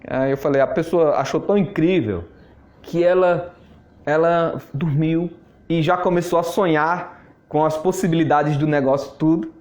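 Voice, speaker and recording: Man, fairly high voice, laughing storyteller, roomy echo. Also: fairly even intonation, moderate pace, darkish tone. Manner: chatty, laughs often, repeats words. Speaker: network marketing mentor. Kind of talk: casual anecdote telling. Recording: echoey room.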